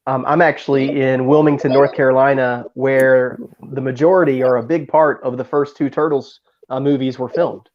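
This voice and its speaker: A man's voice: medium pitch, steady tone, moderate pace, few pauses. Chatty guy guest on a call, mid voice, dull lo-fi audio, telling stories. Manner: chatty, enthusiastic storyteller. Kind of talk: casual video-call chat. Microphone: video call.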